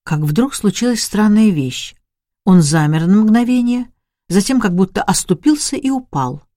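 A woman reading an audiobook in a measured storytelling manner, close to the mic. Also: medium pitch, animated, dark tone, no echo. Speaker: audiobook narrator.

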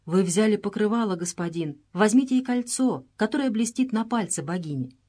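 A devoted, fearful young servant speaks with deference and anxious urgency, as a woman reads him. The voice sits at a middling pitch for a woman. It comes from an audiobook. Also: lively intonation, a little fast, mellow, close to an everyday voice. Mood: deferential. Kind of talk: audiobook character reading.

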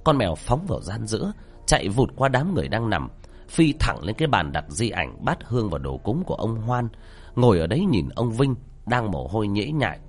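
A man's voice: lowish voice, big pitch swings, a little fast, husky. A man telling a horror story in a tense, dramatic narrating style.

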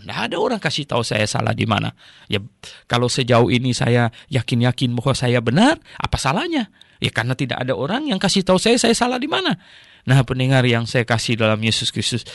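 A man's voice: fairly high pitch, a bit bright, no echo, studio quality. A man teaching the Bible on radio in a folksy, conversational way, repeating his phrases and tagging them with a questioning "ya", with the odd chuckle.

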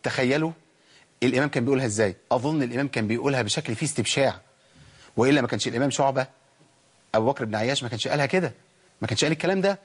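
A man's voice: mid-range voice, racing, long pauses, slightly rough. A middle-aged man with an Egyptian accent, a Quran recitation teacher who explains tajweed to a class and keeps asking and answering his own questions. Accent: Egyptian Arabic.

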